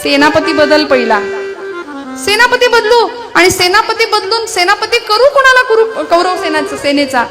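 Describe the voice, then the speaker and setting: Woman preacher telling devotional stories, high voice, throws questions at the crowd, music going behind. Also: moderate pace. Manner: lively, asks the audience rhetorical questions. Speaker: kirtan preacher. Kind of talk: devotional kirtan sermon with storytelling.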